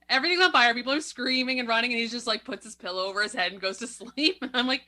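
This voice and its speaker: A woman's voice: on the high side, fairly even intonation, fast talker, bright, forceful tone. A woman co-hosting a film podcast, blunt and emphatic in her opinions. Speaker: podcast co-host. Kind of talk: casual film-review chat.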